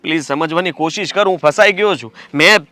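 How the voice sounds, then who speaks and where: A man's voice: a little high, a little fast, bright, forceful tone, no echo. An actor playing a nervous young man who is afraid of his elder brother and speaks in a hesitant, pleading way to his girlfriend. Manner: hesitant, pleading, then rambling. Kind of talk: film dialogue.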